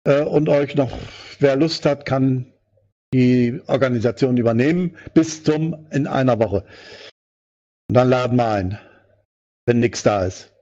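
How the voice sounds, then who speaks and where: Male board member, rambling, mellow tone, muffled lo-fi audio. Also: medium pitch, measured pace. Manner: rambling, thinks aloud with fillers. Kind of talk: meeting discussion. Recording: dull lo-fi sound.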